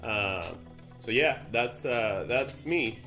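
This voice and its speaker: Soft music plays behind a young Dominican YouTuber as he chats slowly to the camera in a mid-range voice that sounds pushed and bright. He has a Dominican Spanish accent and rambles, restarting often and filling gaps.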